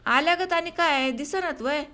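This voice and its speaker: A woman's voice: high voice, normal speed. A woman voicing an angry, worried village farmer who scolds his wife, in an audiobook story reading. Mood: angry scolding. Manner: scolding, sharp-tongued.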